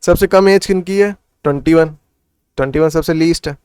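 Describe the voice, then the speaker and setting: A man's voice: on the high side, fairly quick, a little mellow, clear, resonant tone, no echo, studio quality. A man tutoring maths in casual Hindi mixed with English, working sums aloud and asking and answering his own questions. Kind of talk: casual classroom explanation.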